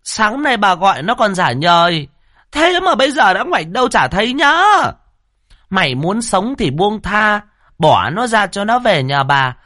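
A man's voice: sits high, sing-song, a little slow, sharp tone, dry recording, clean studio sound, pitched above the performer's own voice, exaggerated voice. A man voicing a furious, foul-mouthed village woman who hurls curses at her neighbor. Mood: screeching. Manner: screeching, cursing tirade.

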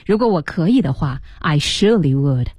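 A woman's voice: low-pitched, animated, normal speed, a little mellow, slightly rough, dry recording, clean studio sound. A woman co-hosting an English lesson on radio, explaining song lyrics and humming bits of the melody. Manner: explains lyrics, hums and sings the melody in snippets. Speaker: radio English teacher and co-host.

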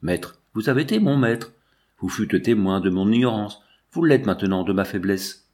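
An anxious, idealistic young doctor who pleads earnestly in a low voice, as a male reader voices him. he sounds like a character from a storybook read aloud. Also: expressive, moderate pace, darkish tone, lightly acted. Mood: pleading.

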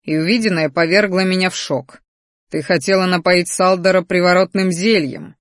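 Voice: mid-range voice, steady tone, moderate pace, a bit bright, dry recording, clean studio sound, close to an everyday voice. The narrator voicing a cold, stern male rector, a water mage who speaks with steel in his voice. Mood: mocking.

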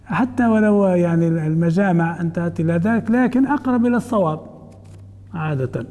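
A man's voice: high voice, animated, brisk, darkish tone, long reverb tail. A man teaching a hadith commentary, reading the text aloud, then explaining it in colloquial asides and putting questions to his class.

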